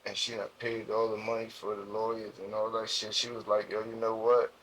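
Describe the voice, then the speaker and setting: A young man from Jersey City with a New Jersey accent, telling his story as an interview guest in slangy, halting speech full of restarts. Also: fairly low pitch, completely flat delivery, fairly bright tone, slightly rough, rough recording. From Jersey City, USA.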